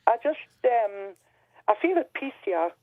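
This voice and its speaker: A woman's voice: a little high, big pitch swings, measured pace, no room sound. A woman phoning a radio show, giving a personal account in a conversational, hesitant and reflective way over a telephone. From Berkeley. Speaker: phone-in caller. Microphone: telephone call to radio show. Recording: dry, narrow telephone line.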